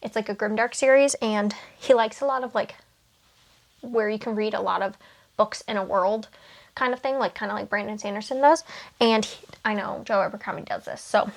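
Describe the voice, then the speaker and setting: A woman's voice: medium pitch, normal speed, gravelly. A young woman chatting casually in a home vlog, rambling with fillers as she tours her bookshelves, a little out of breath. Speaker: booktuber.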